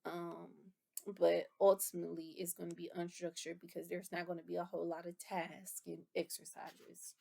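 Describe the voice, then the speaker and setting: A woman's voice: fairly low pitch, flat delivery, normal speed, gravelly, dark tone. A woman reviewing course material in a lecture, explaining terms and rephrasing them with casual fillers. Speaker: instructor.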